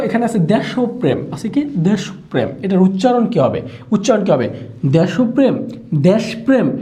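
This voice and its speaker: Fast, high-voiced male tutor. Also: mellow. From Bangladesh. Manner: repeats questions and drills answers, urging viewers to comment. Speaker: Bangla teacher for admission exams. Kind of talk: live online exam-prep lesson.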